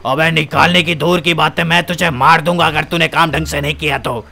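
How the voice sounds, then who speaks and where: A man's voice: fairly high pitch, fairly even intonation, fairly quick, gravelly, bright, forceful tone, full character voice. A man voicing an angry male gangster boss who scolds and threatens his men. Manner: barking, scolding.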